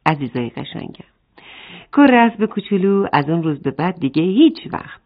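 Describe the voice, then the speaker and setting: A woman telling a bedtime-style children's story. Her voice rises and falls a lot as she narrates, and she often stops to address the children. The sound is narrow and phone-like. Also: lowish voice. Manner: expressive, speaks directly to the children.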